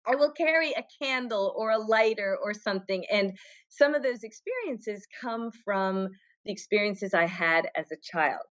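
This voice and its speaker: A middle-aged woman talks casually as a podcast guest at a medium pitch, winding through personal stories with restarts and asides. The audio is slightly dull and lo-fi. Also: expressive, moderate pace, a bit bright. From Argentina. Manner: storytelling, with restarts and trailing asides. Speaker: podcast guest, fitness competitor. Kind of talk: casual interview chat.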